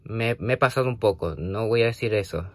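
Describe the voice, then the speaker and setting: A man's voice: fairly low pitch, a little fast, no echo. Hesitant man rambling, dry sound. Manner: hesitant, full of fillers and restarts, scolding then apologetic. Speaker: vlogger talking to a toy creeper. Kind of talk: rambling casual monologue.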